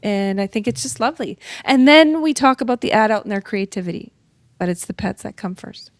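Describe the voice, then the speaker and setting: A woman's voice: mid-range voice, animated, a little fast, dry recording, studio quality. A middle-aged woman from northern Ontario, a guest author chatting casually and upbeat in an interview. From northern Ontario, Canada. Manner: chatty and upbeat, laughs easily.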